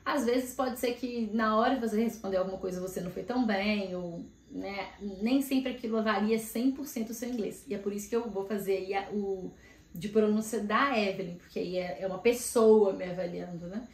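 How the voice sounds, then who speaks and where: A woman's voice: mid-range voice, brisk. A woman from Brazil in her thirties, a career mentor talking casually to camera and thinking aloud with lots of filler words. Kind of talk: casual vlog talk to camera. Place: home room in Australia. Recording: echoey room.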